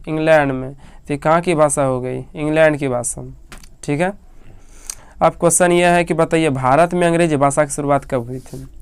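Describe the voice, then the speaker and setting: A man's voice: a little high, a little mellow, clear, resonant tone, no room sound. A man with an Indian accent teaching an English grammar lesson, asking questions and answering them himself, repeating each key fact. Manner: asks and answers his own questions, repeating key facts. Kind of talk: spoken classroom lesson.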